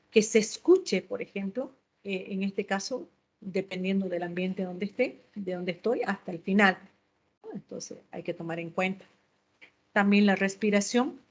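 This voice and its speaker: A woman teacher giving a lecture on public speaking, explaining step by step and often checking in with short tag questions. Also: medium pitch.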